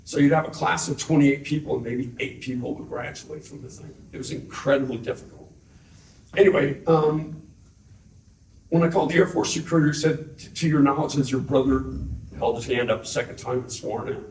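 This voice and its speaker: An older man casually telling stories about his brother, animated and often laughing as he acts out what people said. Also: medium pitch, fairly quick, distant mic, slight background noise. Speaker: interviewee remembering his brother. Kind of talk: casual storytelling. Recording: echoey room, voice a bit off-mic.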